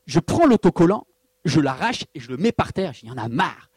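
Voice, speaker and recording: A man preaching as a pastor, his voice sitting a little high and leaping up and down as he drives home each point. He fires rhetorical questions and tells personal stories with sudden bursts of emphasis. The sound is dry and close. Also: a little fast, slightly rough, no room sound. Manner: animated preaching with personal anecdotes, rhetorical questions and acted quotes. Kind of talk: sermon.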